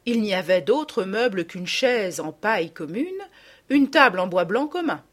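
A woman narrating a storybook in an expressive, dramatic reading. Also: mid-range voice, a little slow.

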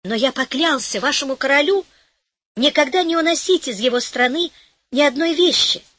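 A woman's voice: high-pitched, fairly bright tone, dry recording, pitched above the performer's own voice. A woman reading an audiobook, voicing a fiery young man who is hot-tempered and lovesick and rants in heaps of words. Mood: tender. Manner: rapid indignant ranting, emphatic word piling.

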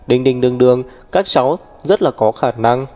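A man's voice: mid-range voice, normal speed, natural voice. A man voicing a doting, boisterous old great-grandfather who fusses cheerfully over the children. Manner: warm, fussing and cheerful.

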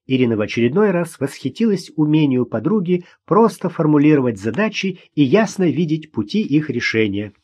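Man narrating an audiobook, slightly high voice. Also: very animated, brisk, hardly any pauses, a little mellow, husky. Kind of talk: scripted narration.

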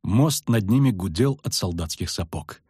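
Husky guy reading an audiobook, lively dramatic delivery, dry close mic. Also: on the low side, moderate pace, no room sound. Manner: dramatic, expressive storytelling. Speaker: audiobook narrator. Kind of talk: audiobook narration.

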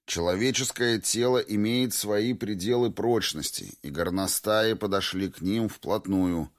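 A stern male commander gives clipped orders in a low voice, as the narrator plays him. He is curt and cold. Each word lands as a command. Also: unhurried, close to an everyday voice.

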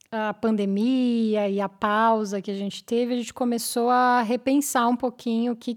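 Woman guest, slightly high voice, easygoing and chatty, studio interview. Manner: relaxed, rambling with fillers like "né" and "então". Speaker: interview guest, cultural center member. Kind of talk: podcast interview. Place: radio studio.

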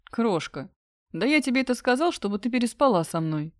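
A woman reading a husky, careless young man who mockingly dumps his girlfriend in an audiobook. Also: a little high, very animated, brisk, no room sound, clean studio sound, pitched above the performer's own voice.

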